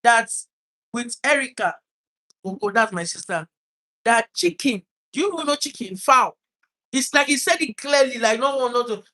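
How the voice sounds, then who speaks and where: A man with a Nigerian accent tells a painful personal story in an earnest, halting way. He often repeats and restarts his words while trying to hold back tears. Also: very high voice, lively intonation, sharp tone. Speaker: vlogger telling a personal story.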